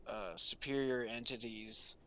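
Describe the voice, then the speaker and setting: A man's voice: medium pitch, steady tone, unhurried, fairly bright tone, a little hiss or hum. A man co-hosting a casual podcast chat, explaining things in a rambling way with restarts. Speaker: podcast co-host.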